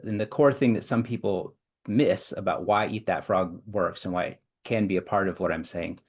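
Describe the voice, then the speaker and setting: Deep-voiced man explaining productivity methods. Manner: measured, explains in long chains of clauses with frequent restarts. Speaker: clinical psychologist and executive coach, guest. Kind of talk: explanatory interview talk.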